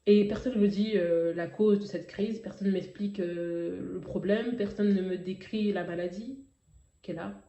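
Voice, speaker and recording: A woman's voice: mid-range voice, fairly even intonation, normal speed, mellow, echoey room, highs cut off. Emotional woman telling a testimony. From Africa. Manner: emotional, hesitant, many fillers and restarts. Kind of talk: personal testimony.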